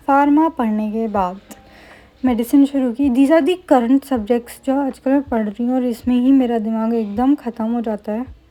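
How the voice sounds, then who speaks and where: A young woman, a medical student, chatting fast in a casual vlog with playful, self-mocking asides. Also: fairly high pitch, dark tone. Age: young adult. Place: student hostel room.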